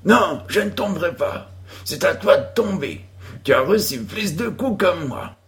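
An earnest, stubborn young boy playing the villain in a pretend duel, as a male reader acts him out. The voice sits higher than a man's usual talk. It is a storybook reading, unhurried. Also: animated.

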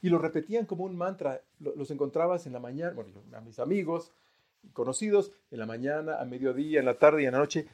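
Earnest man preaching a sermon. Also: darkish tone. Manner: earnest, pauses and restarts, voice swells then sinks low. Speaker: pastor.

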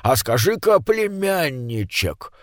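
A man's voice: on the high side, big pitch swings, slow, dry recording, clean studio sound. A man voicing a sly, teasing old uncle who drawls his remarks. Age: older.

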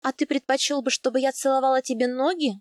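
A woman voicing a spirited young captive woman who speaks with proud, sharp-tongued mockery. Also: a little high, expressive, normal speed, no room sound, studio quality, close to an everyday voice. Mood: mocking.

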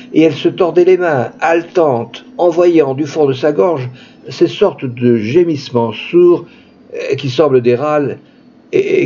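A man reading a classic story aloud in an expressive literary style, with dramatic emphasis. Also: muffled recording, slight background noise. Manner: dramatic, shifting pitch for emphasis.

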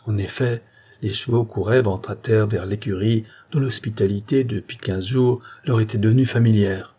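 A man narrating a classic novel in a measured, literary reading style. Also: fairly low pitch, fairly even intonation, warm tone, breathy edge. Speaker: audiobook narrator. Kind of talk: scripted narration.

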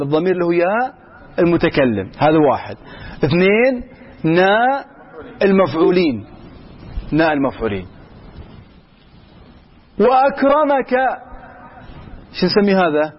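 A man's voice: high-pitched, breathy edge, dull audio. A man teaching grammar in a classroom, quizzing his students and repeating example after example. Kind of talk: classroom lesson.

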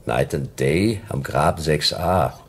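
A deep-voiced sardonic detective. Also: male voice, takes it slowly, breathy edge, heavily acted. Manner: dry, sardonic, insistent. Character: dry, stubborn male private detective. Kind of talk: radio drama acting.

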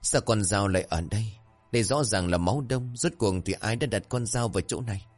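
A gruff, stern old countryman, voiced by the narrator in an audio story. His low voice scolds his wife firmly. Faint music sits underneath. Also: brisk, lightly acted. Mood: uneasy. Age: older. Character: stern old village husband, worried and gruff.

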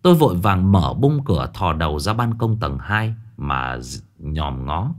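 A man's voice: deep voice, very animated, unhurried. A man narrating a first-person horror story in a dramatic, tense way. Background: faint music.

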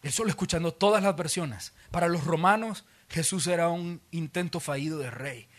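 A man's voice: a little high, moderate pace. A man with a Salvadoran Spanish accent preaching a sermon in a church auditorium, telling the story dramatically and acting out the scenes. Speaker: pastor.

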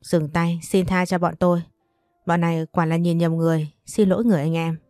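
A frightened male gang boss begs for mercy, voiced by a woman narrator. His tone is low and mellow. The sound is dry, with faint music behind. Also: fairly even intonation, brisk, no echo, close to an everyday voice. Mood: pleading. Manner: pleading, apologetic. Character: scared, pleading male gang leader.

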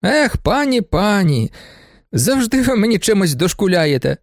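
A man's voice: high-pitched, big pitch swings, unhurried, vocal fry, dry recording, clean studio sound, voice pushed up, exaggerated voice. A man voicing a stubborn, indignant young man in an audiobook.

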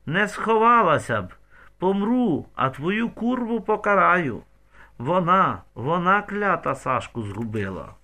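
A woman's voice: fairly low pitch, big pitch swings, slow, pushed and bright, voice pushed up, heavily acted. A man reading an audiobook, voicing a grief-crazed village mother who shrieks in a frenzy. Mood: frenzied.

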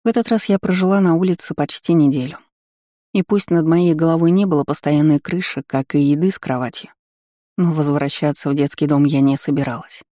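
A man reading a first-person audiobook in measured, even storytelling. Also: on the high side, no echo, studio quality. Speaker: audiobook reader.

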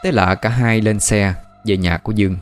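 A man narrating a horror story, with an expressive, dramatic reading. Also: lowish voice, normal speed, faint music behind.

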